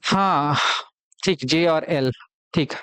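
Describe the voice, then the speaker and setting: Male exam-prep tutor, Chhattisgarh Hindi accent, slightly high voice, patient and repetitive, quizzes students; dry, close recording. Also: very slow, a bit bright, clear, resonant tone, no echo. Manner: explains patiently, repeats key words, asks students questions. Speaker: teacher. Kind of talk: live online exam-prep class. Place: classroom.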